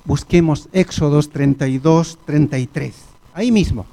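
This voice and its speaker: A man with an Argentine Spanish accent preaching a sermon in a church, deliberate and measured, often turning to the congregation. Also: fairly high pitch, creaky, mellow.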